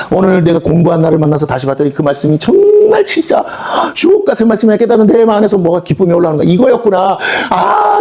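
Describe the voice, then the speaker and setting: A male pastor preaches in a prayer house meeting hall, firing off rhetorical questions and slipping into quoted voices. His voice is mellow and on the high side.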